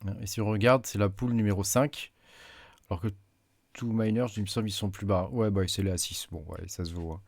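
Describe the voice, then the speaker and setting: Low-voiced man, hesitant tutorial. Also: steady tone, fairly quick, gravelly, a little mellow, dry recording. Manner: hesitant, many fillers, talks while clicking. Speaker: tech YouTuber. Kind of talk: casual screen-recorded tutorial.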